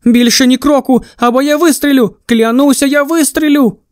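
A man reading an audiobook, voicing a distraught teenage boy who shouts in rage and grief. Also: extremely high pitch, steady tone, normal speed, no echo, studio quality, voice pushed up. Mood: furious desperate.

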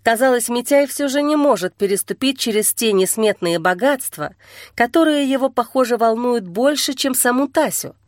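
A woman narrating a novel in a measured, expressive storytelling manner, close to the mic. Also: on the high side, no room sound. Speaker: audiobook narrator. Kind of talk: scripted narration.

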